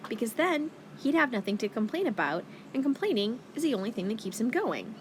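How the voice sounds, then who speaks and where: A woman reading a first-person audiobook in a wry, expressive teenage-girl voice. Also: mid-range voice, a little hiss or hum. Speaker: audiobook narrator.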